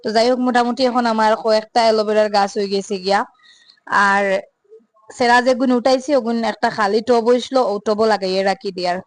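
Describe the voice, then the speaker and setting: A young woman with a Sylheti accent, chatting casually through her home vlog and filling pauses with little hesitation sounds. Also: fairly high pitch, steady tone, no echo. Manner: chatty, mixes Sylheti and standard Bengali, many filler sounds. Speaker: home vlogger.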